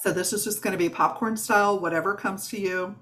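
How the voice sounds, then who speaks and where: A woman's voice: medium pitch, fairly even intonation, a little fast, fairly bright tone. A woman with a Southern accent leading a live online workshop as a wellness coach, chatty and encouraging, with fillers and restarts.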